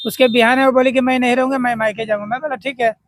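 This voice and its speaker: Plain-spoken man from Bihar, high dry voice. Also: level tone, rapid-fire, fairly bright tone, no room sound. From Bihar, India. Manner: plain, repetitive, earnest telling. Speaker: husband of missing woman, interviewee. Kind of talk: street interview.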